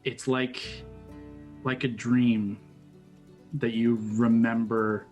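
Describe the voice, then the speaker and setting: A man narrating a tabletop role-playing game as game master, in halting, dramatic phrases with pauses. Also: medium pitch, little pitch movement, a little mellow, faint music behind.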